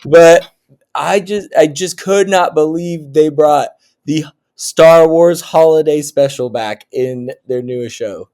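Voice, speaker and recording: On a casual podcast, a guest co-host from Oklahoma rambles through his stories, laughing and restarting frequently. His voice is a little high and clear, resonant and darkish in tone, and he speaks slowly.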